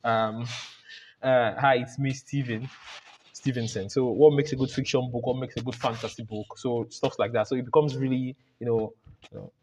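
A man's voice: medium pitch, fairly even intonation, normal speed, darkish tone, slight background noise. A man hosting a casual book club voice chat, rambling with frequent restarts and fillers. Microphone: home mic on voice call. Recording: lo-fi voice chat audio.

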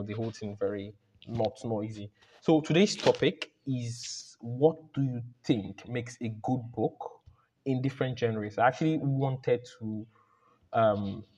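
Male book club host, rambling and loose, average pitch, dull lo-fi call audio. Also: a little mellow. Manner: rambling, many restarts and fillers. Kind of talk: casual voice chat hosting. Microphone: home mic on voice call. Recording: lo-fi voice chat audio.

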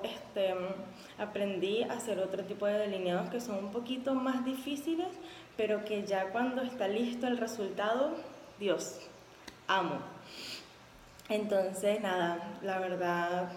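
A chatty, upbeat Venezuelan woman in her 20s introduces herself in a casual video as a contest applicant. She speaks Venezuelan-accented Spanish with a medium-pitched, darkish voice and many fillers. The room is echoey, with faint background noise.

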